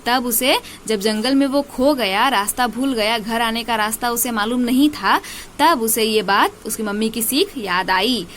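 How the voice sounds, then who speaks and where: A woman's voice: a little high, a little slow, a bit bright, a little hiss or hum. A woman teacher explaining a children's story to her class, repeating points and checking they follow. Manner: repetitive, checking understanding.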